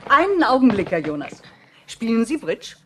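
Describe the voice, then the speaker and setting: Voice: medium pitch, very animated, normal speed, pushed and bright, slight background noise. A performer voicing a polite, coolly threatening corporate villain in a radio play. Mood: coolly ironic. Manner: formal, cool, ironic.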